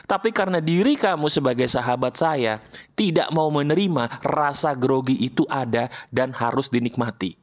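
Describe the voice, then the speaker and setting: A man speaking as a motivational coach over an animated video. He talks directly and casually to the listener, slowing down to repeat the key phrases. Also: sits high. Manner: repeats phrases slowly for emphasis. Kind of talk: motivational talk to viewers.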